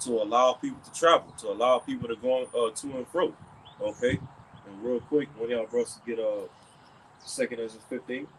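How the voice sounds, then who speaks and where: A man's voice: mid-range voice, normal speed, fairly bright tone, slight background noise, low-quality recording. A man giving casual religious commentary, rambling and peppering his talk with "okay" and "all right".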